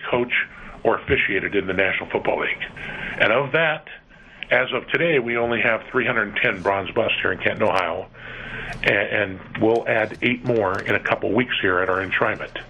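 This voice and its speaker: A middle-aged man from California, a guest on a radio interview, who talks in a halting way with many repeated words and fillers. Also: lowish voice. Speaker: interview guest, museum executive. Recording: dull lo-fi radio broadcast with faint noise.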